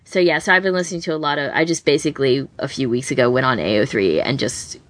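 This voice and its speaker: A woman co-hosting a podcast chats casually while handing out recommendations, frequently breaking off and rephrasing herself. Her voice is rumbling and low, and she talks fast.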